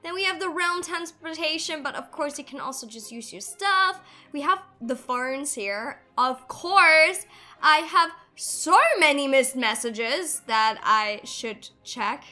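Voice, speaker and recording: Young woman gaming creator, bright sharp tone, gushing and excitable commentary, faint music under her. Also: high-pitched, slow pace. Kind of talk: gameplay commentary.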